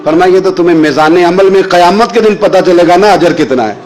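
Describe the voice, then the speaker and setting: Impassioned high-voiced male preacher. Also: a little mellow, poor audio. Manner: impassioned storytelling, chants Quranic verses slowly. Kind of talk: sermon.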